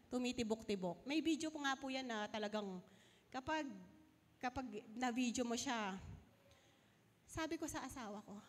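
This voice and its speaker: Filipina lady pastor preaching, high voice, big echoey hall, getting over a fever. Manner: earnest, asks the congregation questions. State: recovering from a fever. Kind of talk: sermon. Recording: long hall reverb.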